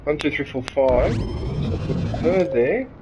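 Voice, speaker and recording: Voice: mid-range voice, lively intonation, a little slow, lo-fi sound, background noise. Ranting streamer over headset audio. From Sydney, Australia. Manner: rambling, ranting, swears freely then apologizes. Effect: livestream headset audio. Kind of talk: live gaming stream chat. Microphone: headset mic.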